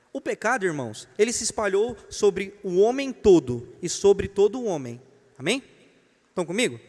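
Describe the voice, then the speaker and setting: A man's voice: high voice, a little mellow. A man with a Brazilian accent teaching a church membership class, joking and telling stories as he speaks to the room. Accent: Brazilian Portuguese. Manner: joking, storytelling, addresses the room as brothers. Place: church hall. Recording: long reverb of a church hall.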